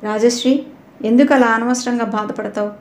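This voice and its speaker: A woman's voice: fairly high pitch, fairly even intonation, normal speed, natural voice. A woman voicing a young husband who earnestly pleads and reasons with his wife, in an audio novel reading. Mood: pleading. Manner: earnest, persuasive. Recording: roomy echoey recording.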